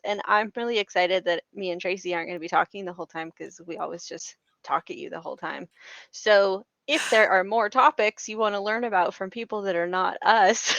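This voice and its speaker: A chatty woman hosts an online meetup with a gravelly edge to her voice, laughing easily between remarks. The call audio is dry and somewhat dull. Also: mid-range voice, a bit bright, no room sound. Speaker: user group co-host. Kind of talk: casual meetup hosting. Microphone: home microphone on a video call.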